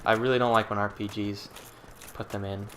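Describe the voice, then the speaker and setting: A young man with a fairly low voice, relaxed and dry as he chats over gameplay. He keeps a wry, easygoing tone. Faint background noise runs underneath. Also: fairly quick. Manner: laid-back, wry, laughing often. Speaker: let's play co-host. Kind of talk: casual gaming banter.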